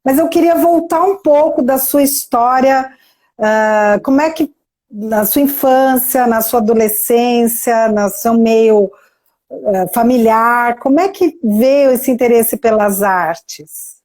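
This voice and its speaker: Over a video call, a live-stream host with a Brazilian Portuguese accent conducts a warm, conversational interview. She is gushing and talkative, often ending sentences with "né?", and her fairly high, darkish voice moves slowly.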